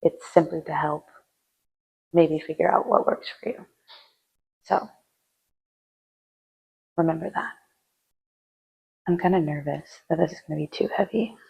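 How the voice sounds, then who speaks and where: A woman's voice: low voice, unhurried, vocal fry, long pauses, dark tone, breathy edge, low-quality recording. A woman chatting through her gym workout, giving casual lifting tips between sets, sometimes out of breath. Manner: chatty, rambling, with fillers. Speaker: fitness vlogger.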